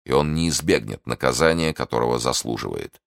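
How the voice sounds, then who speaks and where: A man voicing a grave young Puritan officer, very deep. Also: lively intonation, fairly quick, vocal fry, no echo, studio quality, heavily acted. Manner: grave, firm, plainly spoken.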